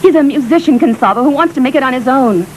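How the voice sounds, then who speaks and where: A woman's voice: high-pitched, lively intonation, fast talker, slight background noise, poor audio. An actress playing an earnest mother pleading for her son in a dubbed film.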